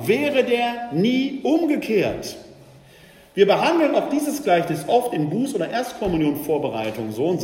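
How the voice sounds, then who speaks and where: A man giving an emphatic lecture as a church educator, asking his audience questions, in an echoey hall. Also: high voice. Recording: echoey hall, faint ambience.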